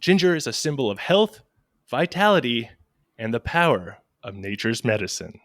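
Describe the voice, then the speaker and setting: A man's voice: mid-range voice, sing-song, moderate pace, a bit bright, dry recording, studio quality. A young man co-hosting a casual podcast, telling facts in a playful, jokey, theatrical way. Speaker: podcast co-host.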